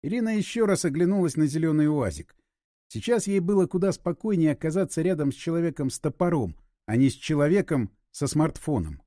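Male audiobook narrator, high and animated, dry close sound. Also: brisk, dry recording.

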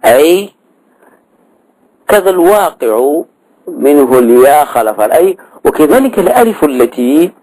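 Male teacher, slow deliberate lecturing, dry close sound. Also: a little high, sing-song, dark tone, no echo, poor audio. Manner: deliberate, repeats key words, prompts with short "ha" tags. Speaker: grammar teacher. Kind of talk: explanatory lecture on a verse text.

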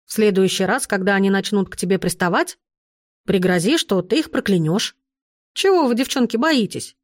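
A cheeky red-haired street boy, as a woman reader puts him on, talks in a gruff, blunt and teasing way. He sounds scrappy and sure of himself throughout this audiobook reading. The sound is dry and close, with no room around it. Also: medium pitch, moderate pace, no room sound, close to an everyday voice.

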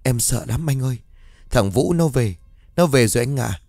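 A man's voice: medium pitch, animated, moderate pace, creaky, a little mellow, no echo, faint music behind. A man voicing a frightened young mother who pleads and whimpers in fear, in a dry studio audiobook reading. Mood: terrified, pleading. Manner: whimpering, begging.

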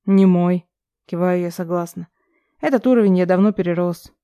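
A woman voicing a calm, sarcastic young man held in jail, coolly mocking his father. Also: lowish voice, normal speed, muffled recording, lightly acted. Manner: cool, sarcastic.

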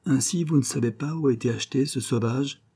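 A man reading aloud plays a self-assured young dandy who speaks with composure and quiet command. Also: medium pitch, fairly quick, husky, pitched above the performer's own voice.

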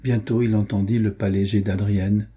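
A man narrating a historical novel as an audiobook, measured and steady. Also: on the low side, breathy edge. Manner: measured, storytelling. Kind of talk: scripted narration.

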